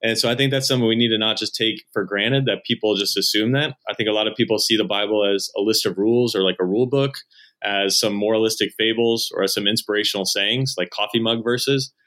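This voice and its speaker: A man's voice: on the low side, steady tone, quick pace, a bit bright. A man who leads at a church, a podcast guest explaining his ideas earnestly, step by step. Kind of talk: explanatory conversation.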